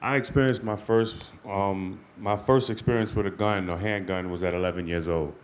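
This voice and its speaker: A man's voice: sits low, steady tone, moderate pace, slight background noise. A man in his forties, a program participant, telling his life story on stage in a plain, matter-of-fact way. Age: 40s.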